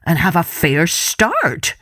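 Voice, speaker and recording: A woman's voice: fairly low pitch, huge pitch swings, takes it slowly, a bit bright, dry recording, studio quality, heavily acted. A woman voicing a crafty, hungry old male woodcutter in a children's story, talking in a sly, coaxing way.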